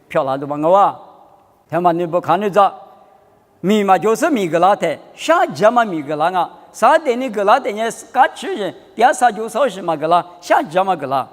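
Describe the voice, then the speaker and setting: High-pitched man in a reverberant space. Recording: long hall-like reverberation.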